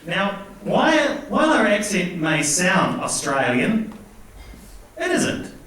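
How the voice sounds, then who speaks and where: A man's voice: high-pitched, sing-song, takes it slowly, sharp tone. A man with a New Zealand accent hosting a live stage show with playful, self-mocking stand-up jokes and hesitant fillers. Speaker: master of ceremonies and English teacher. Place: large indoor theatre hall. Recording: echoey hall from far off, audience noise. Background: audience laughter and room ambience.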